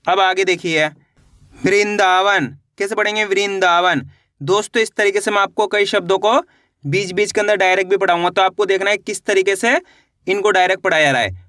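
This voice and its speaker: Sitting high with a sharp tone, this man's voice leads a slow beginners' reading lesson in Hindi. He breaks each word into syllables, then says it whole, patiently repeating "how will you read it?" The recording is studio quality and echo-free.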